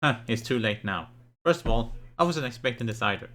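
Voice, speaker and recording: A man's voice: mid-range voice, expressive, a little fast, sharp tone. A man hosting a casual playthrough of a visual novel, reading the hero's lines aloud with wry asides. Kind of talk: casual game commentary and reading.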